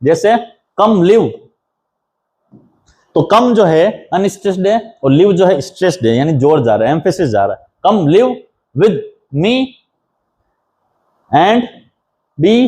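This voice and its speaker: A male assistant professor, giving a lecture on a poem. He reads the lines slowly, explains each one, and repeats key terms as he counts them out. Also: fairly high pitch, darkish tone. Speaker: assistant professor teaching English literature.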